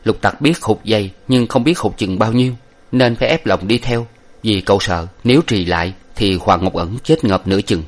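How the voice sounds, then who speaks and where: A man reading an old novel aloud in a measured, steady way. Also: fairly low pitch. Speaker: narrator.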